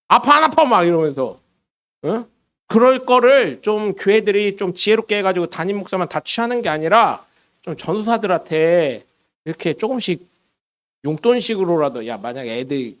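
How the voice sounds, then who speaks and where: A man's voice: sits high, fairly bright tone. A middle-aged man preaching a casual, conversational sermon as a pastor in a church, often asking the congregation questions and acting out voices in quotes. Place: church sanctuary.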